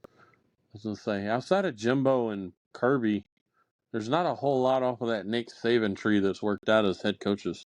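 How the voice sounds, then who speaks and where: A man's voice: on the low side, steady tone, brisk, no echo. A man co-hosting a casual sports podcast, arguing to defend his team. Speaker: podcast co-host.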